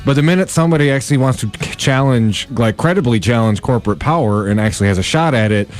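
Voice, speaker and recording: A man co-hosting a political radio talk show, wry and measured, often laughing. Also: mid-range voice, lively intonation.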